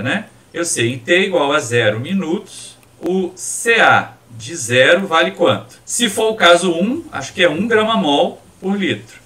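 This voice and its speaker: A male chemical engineering professor with a Minas Gerais accent, lecturing live in a classroom and quizzing his students. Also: a little high. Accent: Minas Gerais Portuguese. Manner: animated, quizzing students with questions. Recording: distant mic in a classroom.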